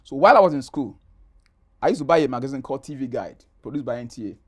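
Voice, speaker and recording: In an interview, a middle-aged Nigerian actor tells his personal stories fast and expressively. His medium-pitched voice is husky, and his delivery is emphatic and conversational, full of repeated phrases.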